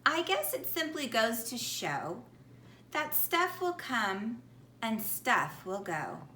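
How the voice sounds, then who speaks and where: A woman reads a children's storybook aloud at a very slow, deliberate pace. Her high voice moves up and down expressively, as a teacher would for young listeners. The room around her is echoey. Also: sing-song, sharp tone. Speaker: teacher reading a children's picture book aloud. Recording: echoey room with faint background noise.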